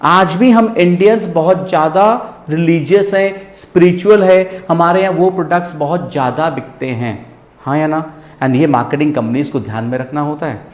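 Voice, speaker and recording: A man teaching a business class in a lively lecture style, often checking in with his students. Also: fairly high pitch, moderate pace, roomy sound. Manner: lively, asks students rhetorical checks, mixes English into Hindi.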